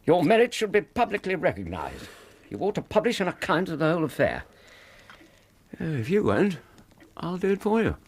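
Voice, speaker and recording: An actor playing a loyal, excitable Victorian doctor in a radio drama, English, with an earnest and slightly hesitant manner. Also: male voice, a little high, slight background noise. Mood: earnest, admiring. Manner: earnest, warm, hesitant, quick to indignation.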